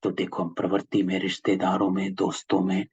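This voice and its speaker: A man's voice: low-pitched, completely flat delivery, fairly quick, a little mellow, no echo. A man leading a spiritual class, patiently explaining a discourse and repeating key phrases over a video call. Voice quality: gravelly, husky. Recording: dull lo-fi call audio, dry.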